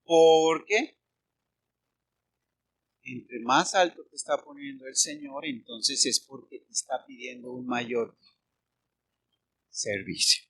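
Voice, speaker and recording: A man's voice: mid-range voice, very animated, slow pace, creaky, long pauses, fairly bright tone, slightly rough. A man with a Mexican accent, a pastor preaching a sermon and firing rhetorical questions at his congregation.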